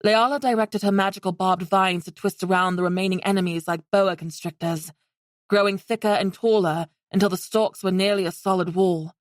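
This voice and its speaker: A woman narrates a fantasy audiobook in a steady, even storytelling voice at a middle pitch. The sound is close and dry, with no room around it. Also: moderate pace, no echo. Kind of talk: scripted narration.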